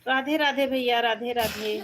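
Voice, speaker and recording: A woman's voice: on the high side, steady tone, normal speed, fairly bright tone, a little hiss or hum. A woman hosting a live stream, reading viewers' comments aloud and greeting and thanking each one by turn. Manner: friendly, repeats greetings and thanks. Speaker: livestream host.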